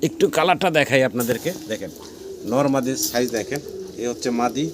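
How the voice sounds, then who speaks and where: Touring his pigeon farm at speed, this medium-pitched host of a pigeon-selling channel speaks with a Bangladeshi Bengali accent. He shows each pair, repeating prices and blessings in quick patter. Cooing pigeons fill the noisy farm audio.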